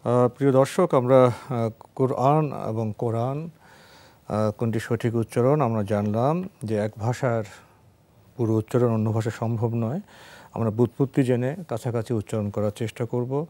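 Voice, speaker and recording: Mellow male TV host reading letters. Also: mid-range voice, steady tone, normal speed, no echo. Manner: formal, reads questions aloud.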